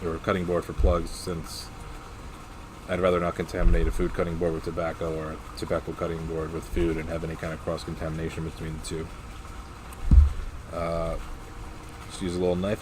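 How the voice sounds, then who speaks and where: A man giving a casual, unscripted product review in a halting, matter-of-fact way. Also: deep voice, level tone, noisy background. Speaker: pipe tobacco reviewer.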